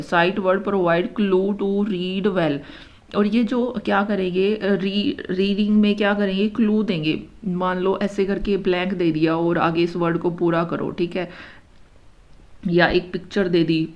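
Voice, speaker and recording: A woman teacher walks through an exam-prep lesson step by step, slipping English terms into her Hindi. She reads each option slowly, then explains it quickly, in a fairly low voice. The recording is dull and lo-fi.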